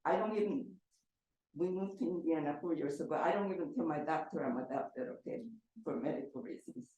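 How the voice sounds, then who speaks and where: At a public Q&A in a large, echoey event hall, an audience member whose first language is Korean puts a personal question to the panel. Her deep, mellow voice is earnest and halting as she pauses to find her words, and the recording carries roomy hall echo.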